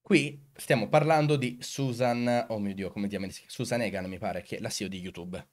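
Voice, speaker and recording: A man's voice: fairly low pitch, brisk. A man speaking emphatically as a video host, commenting on clips and putting rhetorical questions to viewers.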